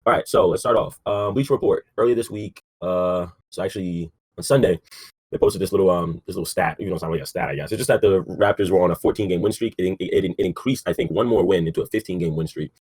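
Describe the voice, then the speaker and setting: A young man co-hosts a casual sports podcast in a low, fast, darkish and slightly rough voice. Laid-back, he fills his speech with "like" and "um" and swears casually.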